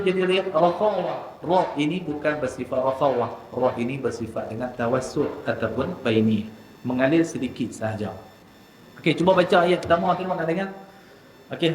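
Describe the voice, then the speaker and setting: A man teaching Quran recitation in a mosque class, drawing out letter sounds slowly before explaining quickly. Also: fairly high pitch. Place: mosque hall. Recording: echoey mosque hall with faint ambience.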